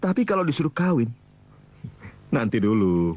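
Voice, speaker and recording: An actor playing a dismissive young man in his twenties who mocks his parents' plans, with a husky voice. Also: medium pitch, sing-song, moderate pace, a little mellow. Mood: mocking. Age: 20s. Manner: teasing, laughs off his parents. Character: young man back from the city, dismissive and cocky. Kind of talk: TV drama acting.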